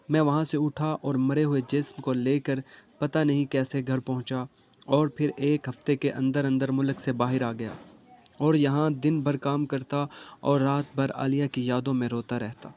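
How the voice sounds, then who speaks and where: A man narrating an emotional first-person love story with a steady, even delivery. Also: mid-range voice.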